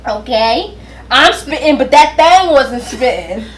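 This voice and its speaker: A woman's voice: high voice, lively intonation, slow. A giggly drunk woman bantering casually as a vlog host, sassy, teasing and emphatic. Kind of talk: casual banter while doing makeup.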